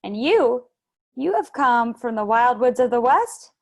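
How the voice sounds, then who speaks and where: A woman's voice: fairly high pitch, very animated, a little slow, pitched above the performer's own voice, full character voice. A woman reading aloud, voicing a polite, fussy male faun who talks in an eager, formal way. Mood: courtly, eager. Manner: eager, formal, slightly flustered.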